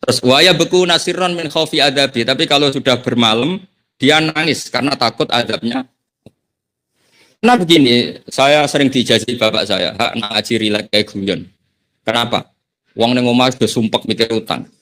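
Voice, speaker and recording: A man's voice: medium pitch, normal speed, bright, forceful tone. A man giving a casual Islamic sermon, telling folksy stories and laughing along. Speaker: preacher.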